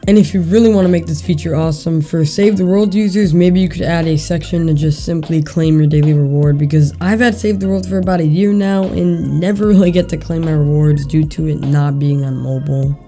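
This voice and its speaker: A young adult video game YouTuber with a mellow, mid-pitched voice and slightly hissy, drawn-out s sounds from being a little under the weather. The delivery is casual news narration aimed straight at viewers, with music playing behind it. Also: steady tone. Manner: casual, addresses viewers as guys. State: a little sick. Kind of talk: upbeat scripted gaming news narration to camera-less audience. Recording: voice-over with background music.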